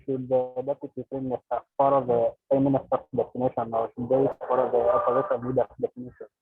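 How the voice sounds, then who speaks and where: A man asks a question in a flat, even voice. His voice is very raspy, and it comes through a dry, tinny, phone-like line with faint music behind him. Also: mid-range voice, fast, no echo. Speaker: workshop participant. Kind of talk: asking a question on a call.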